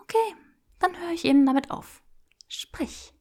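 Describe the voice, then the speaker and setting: A woman's voice: a little high, animated, moderate pace, creaky, a little mellow, voice pushed up. A woman voicing a playful, bold young witch who teases and often whispers. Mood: teasing.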